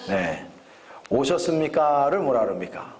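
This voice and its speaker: A man's voice: mid-range voice, sing-song, a little slow, a crowd in the background. A man preaching as guest pastor at a church revival service, joking with the congregation and asking them questions. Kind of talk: revival sermon. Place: church sanctuary.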